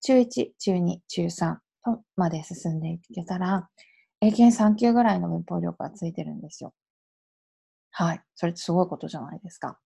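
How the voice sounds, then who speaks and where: Gravelly low-voiced woman in her thirties. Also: a little fast, warm tone. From Japan. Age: 30s. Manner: chatty and explanatory, with frequent affirming asides. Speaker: English learning coach and podcast host. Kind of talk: casual solo podcast advice.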